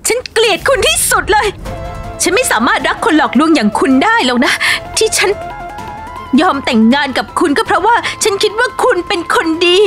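A woman's voice: extremely high pitch, big pitch swings, soft background music, full character voice. A scornful young woman. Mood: bitter. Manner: sharp, scornful, quick retorts. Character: proud young woman, angry at a deceiver. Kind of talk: dubbed TV drama acting.

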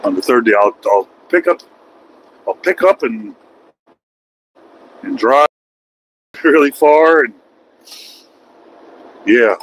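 A man's voice: medium pitch, animated, slow, long pauses, fairly bright tone, poor audio. A man in his forties with an American accent, a truck driver vlogging from his cab at night, rambling and joking at his own expense. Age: 40s. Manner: rambling, self-mocking, joking. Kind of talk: casual vlog monologue while driving. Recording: faint road and engine noise.

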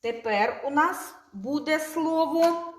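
A woman kindergarten teacher with a Ukrainian accent, speaking slowly and clearly, drawing out sounds and repeating words for the children to echo. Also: sits high, lively intonation. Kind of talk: slow, clearly articulated lesson for small children.

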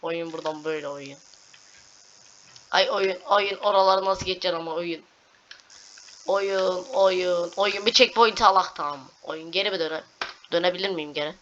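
A young woman chatters through a video game, excitable and coaxing the game aloud, repeating herself as she plays. Her voice is bright and fairly low, and it comes through a dull lo-fi mic with a faint hiss. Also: normal speed. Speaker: gameplay streamer. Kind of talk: casual gameplay commentary.

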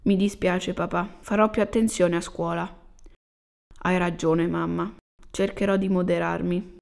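A woman's voice: on the low side, level tone, unhurried, creaky, darkish tone. A woman voicing a cheerful, kind-hearted schoolboy who is polite and playful, in an Italian film dub.

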